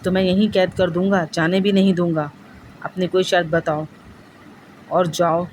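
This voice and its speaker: A woman's voice: lowish voice, flat delivery, darkish tone, a little hiss or hum, natural voice. A woman playing a stern commanding faith healer man.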